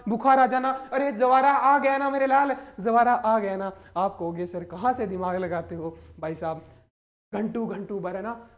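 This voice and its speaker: A young man teaching an exam-prep lesson, theatrical and repetitive, slipping into little acted-out voices. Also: very high voice.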